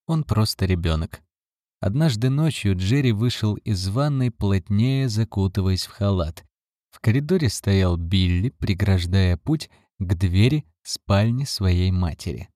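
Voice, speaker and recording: Man, audiobook narration, measured, low voice, dry close mic. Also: lively intonation, dark tone, no echo.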